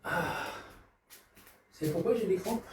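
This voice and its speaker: A man's voice: high-pitched, slow, noisy background. A man in a rambling live stream chat, irritable and swearing constantly, talking from a friend's apartment.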